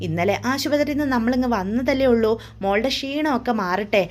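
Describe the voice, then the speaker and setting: A woman voicing a caring young woman who gently coaxes a sick child to eat. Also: on the high side, lively intonation, fairly quick, faint music behind, natural voice. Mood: gentle coaxing. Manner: gentle, coaxing.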